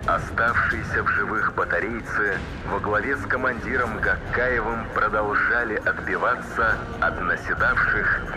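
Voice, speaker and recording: Man, Soviet announcer manner, deep voice, grave formal declamation, scripted war bulletin, prominent music behind. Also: rough recording. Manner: solemn, formal, measured declamation. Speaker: narrator. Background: loud music, artillery and engine sounds.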